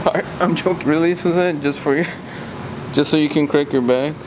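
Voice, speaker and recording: A man's voice: on the high side, steady tone, normal speed, noisy background. A man family vlogger joking and teasing his family in casual banter. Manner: teasing, playful, says "bro" a lot.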